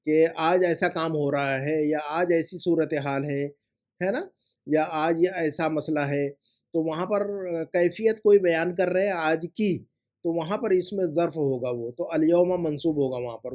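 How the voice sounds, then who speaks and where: A man's voice: fairly high pitch, darkish tone. A male language teacher, correcting homework and repeating grammar rules in a patient, explanatory way. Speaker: Arabic teacher.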